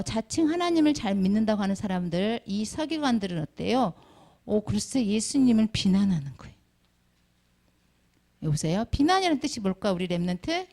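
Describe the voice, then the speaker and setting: A woman's voice: medium pitch, creaky, a little mellow. A middle-aged woman teaching a Sunday school lesson, calling on children by name and asking them questions. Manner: calls on children by name and asks many questions. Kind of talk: children's sermon with questions to the class.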